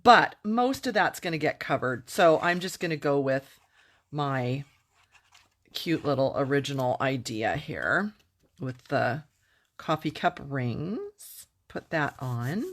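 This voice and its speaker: A craft demonstrator with a deep, expressive voice takes her time as she chats cheerfully through a live-streamed craft tutorial. She's upbeat and enthusiastic, thanking viewers and answering their comments while she works.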